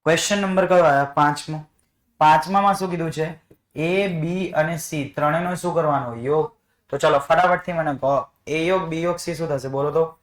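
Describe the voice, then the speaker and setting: A man leads a math class, asking the same questions again and again to coax answers from his students. His voice sits a touch high for a man, and the classroom around him rings with echo. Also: normal speed. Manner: coaxing, repeats questions to students. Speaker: math teacher. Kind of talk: classroom lesson.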